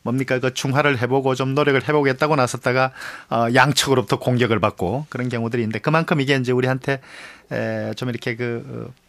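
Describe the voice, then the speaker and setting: A man speaking as an expert guest on radio, explaining at length in a measured way with many pauses and fillers. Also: medium pitch, steady tone, a bit bright, no room sound.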